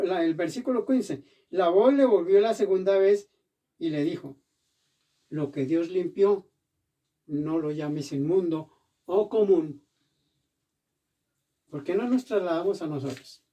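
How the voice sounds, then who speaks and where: Animated preacher, mellow voice, distant mic. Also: male voice, on the high side. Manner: animated, acts out quoted voices. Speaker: pastor. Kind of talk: sermon. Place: church.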